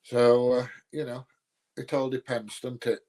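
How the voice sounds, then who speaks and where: Poor audio captures this man's unhurried, level, slightly mellow voice at medium pitch. He's from Nottinghamshire, England, with Yorkshire-like English, and hosts a livestream where he answers live comments in a blunt, colloquial, drily grumbling way.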